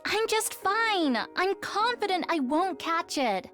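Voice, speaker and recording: A woman voicing a kind, caring young girl in a game, gentle but insistent. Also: extremely high pitch, expressive, slow pace, soft background music, exaggerated voice. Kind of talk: game voice acting.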